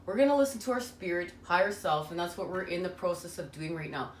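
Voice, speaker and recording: Talking fast with lively intonation, a woman whose voice is on the low side gives an earnest spiritual tarot reading. She meanders and leans heavily on fillers. Her room is echoey, with faint ambient noise.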